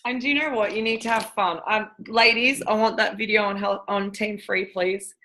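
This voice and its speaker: A woman's voice: mid-range voice, fairly even intonation, moderate pace, sharp tone, a little hiss or hum. A woman leading a team video call, encouraging and cheerleading her team. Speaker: team leader hosting a call.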